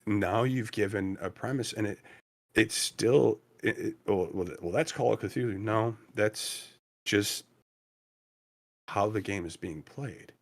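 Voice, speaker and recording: A man's voice: fairly low pitch, measured pace. A man who designs games, talking casually and with emphasis, repeating key words to drive a point home. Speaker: game designer. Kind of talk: casual chat.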